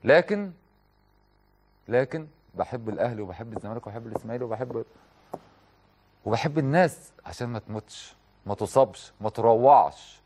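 A man's voice: mid-range voice, lively intonation, brisk, long pauses, darkish tone, slightly rough. A man with an Egyptian accent hosting a TV talk show, delivering an impassioned studio monologue full of rhetorical questions and direct appeals.

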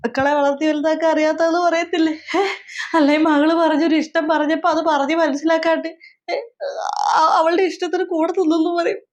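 A woman with a high, fairly flat voice speaks briskly in a lightly acted way. In a comedy sketch she plays a melodramatic middle-aged mother who scolds, wails and laments, repeating herself again and again.

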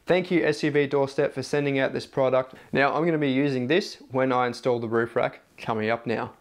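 Talking a little fast in a mid-range voice, this man gives a relaxed, chatty run-through of his car's roof rack setup for the camera. He's an off-road vlogger, speaking plainly first in a backyard and later in a plain indoor room.

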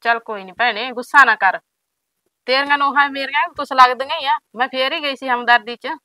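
A woman's voice: sits high, a little fast, bright, forceful tone, dry recording. A woman with a Punjabi accent playing a defensive, gossipy neighbour.

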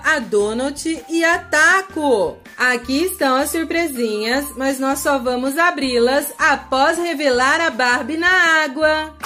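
A woman's voice: high voice, bright, forceful tone. A woman with a Brazilian accent hosting a toy unboxing for children, speaking in a sing-song, exclamatory way to little kids. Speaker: children's toy channel host. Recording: music behind the voice. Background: background music.

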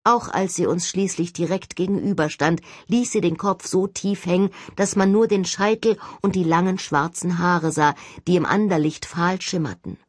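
A woman reading a first-person audiobook narration with an expressive, dramatic delivery. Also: on the low side, normal speed, few pauses, dry recording, studio quality. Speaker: audiobook reader.

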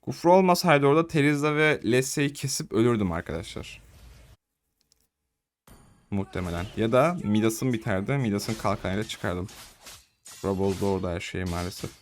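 A man's voice: on the low side, normal speed, long pauses, soft background music. A young man giving casual, slangy live commentary on his own match, chatting to viewers and teammates. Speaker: gaming streamer.

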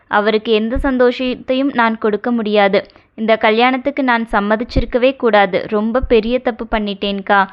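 A woman's voice: fairly high pitch, smooth, close to an everyday voice. A woman voicing a young wife who is anxious, tearful and blames herself, read in an audio novel. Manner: pleading, guilt-ridden. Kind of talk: audio novel character reading. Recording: dull lo-fi recording.

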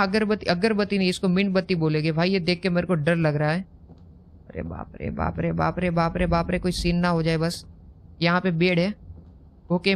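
A man's voice: high-pitched, fairly bright tone, a little hiss or hum. A young man giving nervous horror game commentary, jumpy and repeating words when scared. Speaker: gaming host.

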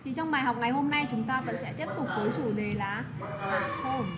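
Patient woman teaching kids English. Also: a little high. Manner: patient, slow model pronunciation with tag questions. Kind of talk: English lesson for children, explained in another language. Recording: steady background noise.

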